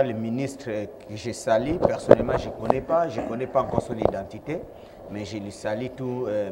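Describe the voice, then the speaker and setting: With a medium-pitched voice against a noisy background, a Kongo Central rapper from DR Congo gives interview answers mixing Lingala and French. He's proud and assertive, speaking of himself by his stage name.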